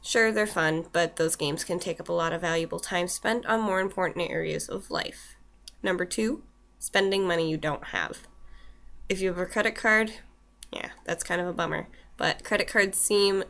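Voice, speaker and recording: With a cold making her a little snuffly, a twenty-something vlogger works through a list with wry asides, speaking into her webcam's built-in microphone in a small room lined with shelves. Her voice is fairly low and a bit bright, with vocal fry.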